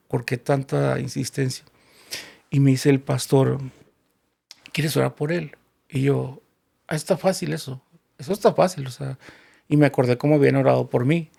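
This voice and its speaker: Man, guest storyteller in an interview, heavy vocal fry, plays out each quote in the story. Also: medium pitch. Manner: animated storyteller acting out quoted dialogue.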